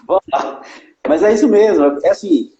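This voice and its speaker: Man, host, high lively pitch, mellow tone, echoey room. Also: highs cut off. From Brazil. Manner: animated, quick academic talk. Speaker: podcast host. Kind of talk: casual conversation over beer.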